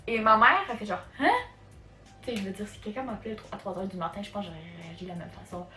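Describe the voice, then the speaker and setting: A woman's voice: mid-range voice, steady tone, racing, pushed and bright. A woman from Canada with a Quebec French accent, telling a casual storytime in a chatty way, full of fillers. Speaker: vlogger. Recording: echoey room, faint music.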